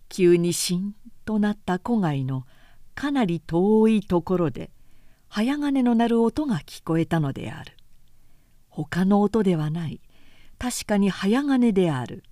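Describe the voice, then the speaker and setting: A woman narrating a classic novel in a slow, measured audiobook reading, close to a studio mic. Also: mid-range voice, expressive, dark tone, dry recording.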